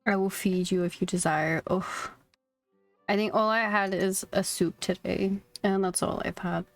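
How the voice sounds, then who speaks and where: Giggly and playful, a young woman game streamer chats casually and reacts on her livestream while faint game music plays. She speaks at medium pitch and a moderate pace with fairly even intonation.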